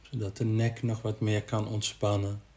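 A man guiding a body-scan meditation in a gentle, unhurried manner with long pauses. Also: fairly low pitch, level tone. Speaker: meditation guide.

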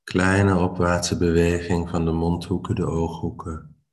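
Calm and unhurried in the manner of a meditation teacher, a man guides a slow body-scan relaxation exercise with pauses between short phrases. His very low voice holds a flat, steady intonation that barely rises or falls.

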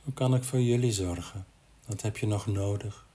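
A man guiding a body-scan meditation in a gentle, unhurried manner with long pauses. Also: fairly low pitch. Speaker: meditation guide.

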